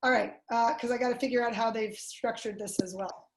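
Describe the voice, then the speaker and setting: A woman's voice: fairly high pitch, fairly even intonation, fairly quick, background noise. A woman presenting an online workshop on child development, explaining step by step and sometimes acting out playful demonstrations over a video call. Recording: roomy echo.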